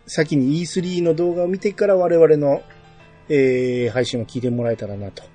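A man's voice: fairly high pitch, normal speed, dark tone, soft background music. A man chatting casually as the host of a podcast. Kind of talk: casual chat.

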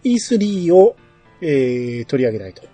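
A man's voice: a little high, very animated, moderate pace, dark tone, breathy edge, dry recording, soft background music. A man chatting casually as the host of a podcast. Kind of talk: casual chat.

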